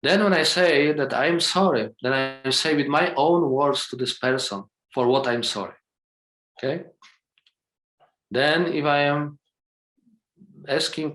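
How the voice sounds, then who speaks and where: A man leading a calm guided meditation over a video call, speaking English with non-native phrasing and checking in gently with a soft "okay?". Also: mid-range voice. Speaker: meditation teacher. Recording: roomy video call sound.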